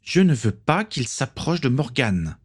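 A man's voice: medium pitch, big pitch swings, a little slow, slightly rough, voice pushed up. A man voicing a protective, hotheaded teenage boy in a storybook reading. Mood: defiant. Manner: defiant, shouting orders.

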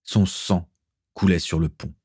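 A man narrating an adventure story in a steady, even reading voice. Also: sits low, unhurried, breathy edge, no echo, clean studio sound. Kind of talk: audiobook reading.

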